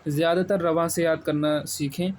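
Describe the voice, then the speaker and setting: A man with a Pakistani Urdu accent teaching Quran reading, spelling out sounds slowly and drawing out syllables. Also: on the high side, little pitch movement, slight background noise. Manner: repeats sounds slowly, drawn-out syllables, frequent "theek hai". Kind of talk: spelling-out recitation lesson.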